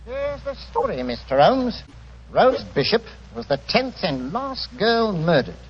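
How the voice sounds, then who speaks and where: Hesitant, deferential Inspector Lestrade. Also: male voice, sits high, very animated, slightly rough, heavily acted. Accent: British. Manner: hesitant, respectful, halting. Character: deferential, plodding London police inspector. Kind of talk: 1940s radio drama acting. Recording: muffled 1940s radio recording.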